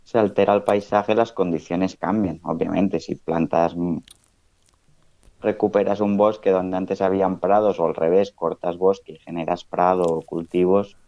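Talking at a normal speed in a low, warm voice with fairly even intonation, a researcher in his thirties works through ideas as a podcast guest. The conversation is casual and thoughtful, peppered with "¿no?" at the ends of phrases, and the dull, dry lo-fi audio has no echo.

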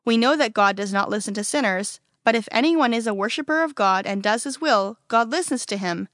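A woman's voice: a little high, a little fast, a bit bright, no echo, studio quality, lightly acted. A woman reading the part of an earnest, once-blind man in a storybook, speaking plainly and insistently. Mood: frustrated. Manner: insistent, matter-of-fact.

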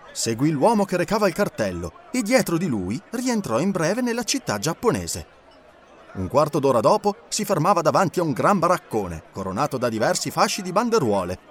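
A male narrator reading a classic adventure novel aloud. His delivery is expressive, with a lively, wide-ranging lilt, and his voice sits a little high. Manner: expressive, lilting. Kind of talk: audiobook reading.

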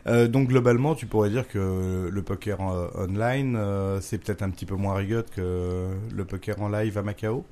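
A man's voice: fairly low pitch, fairly even intonation, moderate pace, few pauses, warm tone. A man hosting a casual interview, bantering and teasing his guest as he asks questions. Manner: joking, teasing. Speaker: interview host.

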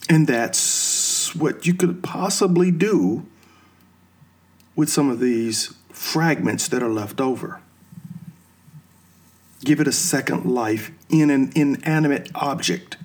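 A man with a mid-range, breathy-edged voice thinks aloud in an unscripted monologue, posing questions to himself and then answering them. His explanations are slow and musing, drawing on films and religion.

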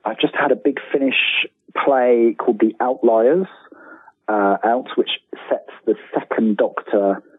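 Over a tinny, phone-like remote call, a man who writes books and audio dramas chats casually as an interview guest, hesitant and wryly self-deprecating. His mid-range voice is a little slow with a breathy edge, and there's no echo.

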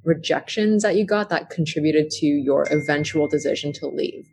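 A young woman co-hosting a podcast, chatting in a relaxed, rambling way with lots of fillers. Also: low voice, normal speed, slightly rough. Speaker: podcast co-host. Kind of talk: casual chat.

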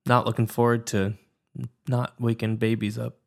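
A man's voice: medium pitch, little pitch movement, normal speed, vocal fry. Easygoing man podcast co-host. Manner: easygoing, laughs often, explains things plainly. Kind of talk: casual chat.

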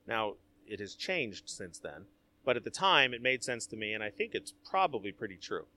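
Bright, animated man hosting a chat. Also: on the low side, normal speed. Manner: storytelling, joking, animated. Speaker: host. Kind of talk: casual chat.

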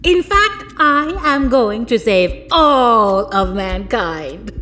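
A woman voicing an ancient, demented female mad scientist who cackles and swings between whispers and loud outbursts. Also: fairly high pitch, very animated, extremely slow, faint music behind, heavily acted. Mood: manic. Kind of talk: audio drama acting.

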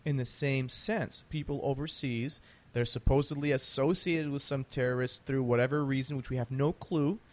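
A man's voice: medium pitch, normal speed, few pauses. A man hosting a conversational interview, talking emphatically and repeating phrases to drive points home. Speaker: interview host.

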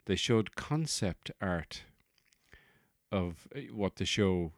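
A man's voice: deep voice, animated, slow pace, no room sound, studio quality. A man hosting a solo comedy podcast, rambling through jokey, profane tangents. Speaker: podcast host.

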